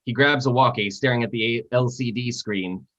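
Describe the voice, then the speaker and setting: A man reads screenplay stage directions at a live reading in a steady, descriptive voice. His pitch sits mid-range, and the sound is dull and lo-fi. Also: moderate pace. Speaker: narrator.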